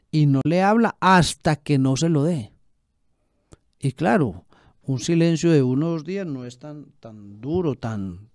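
A man's voice: fairly high pitch, dark tone, no room sound, studio quality. A man preaching a sermon as a pastor, asking rhetorical questions and repeating phrases for emphasis.

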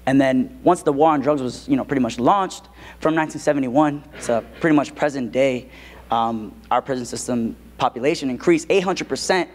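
A man's voice: mid-range voice, moderate pace. Man explaining steadily to students. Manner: steady, explanatory, with frequent fillers. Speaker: co-presenter. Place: school auditorium.

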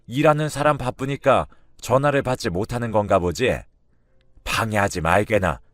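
A condescending older mother-in-law brushes off his worries in a scolding tone, as a man reads her lines. The voice stays low, with a dry, close sound. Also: moderate pace, a bit bright, dry recording, natural voice.

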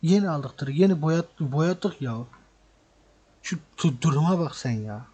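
A man narrating a truck-driving game role-play in a fit of frustration, swearing and repeating lines as he vents. His voice sits a little high for a man, with a warm, husky grain. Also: expressive, unhurried. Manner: angry ranting, swears often, repeats himself. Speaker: gaming channel host. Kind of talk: role-play gameplay commentary.

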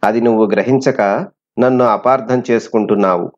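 A man's voice: medium pitch, steady tone, brisk, lightly acted. A man voicing a cruel, boastful male sorcerer with a threatening, gloating manner, on a dull lo-fi recording. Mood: pleading.

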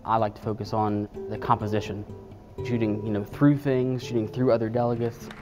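Low, flat-voiced man, thoughtful. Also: fairly quick. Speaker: legislative photographer. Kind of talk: documentary interview. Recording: interview with music underneath.

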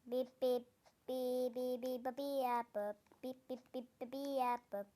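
A woman's voice: sits high, flat delivery, measured pace, dark tone. A woman doing beeping robot noises. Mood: playful. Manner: chanting beep-bop sounds in a singsong. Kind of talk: casual gameplay vlog.

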